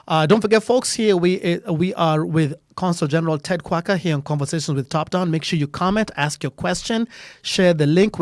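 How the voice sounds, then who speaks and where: A man's voice: a little high, darkish tone, dry recording, studio quality. A man casually hosting a live online interview. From Kenya. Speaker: host.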